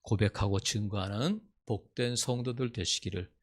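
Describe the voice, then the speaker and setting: A male pastor preaching a sermon with passion, acting out the voices in his stories and building to loud, emphatic peaks. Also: lowish voice, moderate pace. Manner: acts out quoted voices in storytelling.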